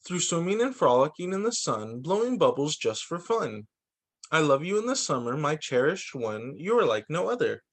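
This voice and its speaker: A lively male teacher reads storybooks aloud to young children during a remote video call story session. He uses an expressive, sing-song delivery with a fairly high pitch and a moderate pace.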